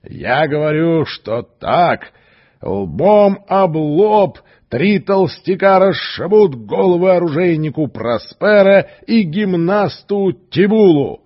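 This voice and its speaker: A man voicing a boastful, brutish male circus strongman in a loud, blustering manner. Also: a little high, very animated, slow pace, highs cut off, voice pushed up, heavily acted.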